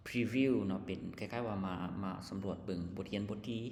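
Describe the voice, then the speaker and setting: A man's voice: lowish voice, fairly even intonation, a little mellow. Lao-accented male teacher, echoey room. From Laos. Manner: explains slowly, spells words letter by letter. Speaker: English teacher. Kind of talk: casual lesson walkthrough. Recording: echoey room with long reverb.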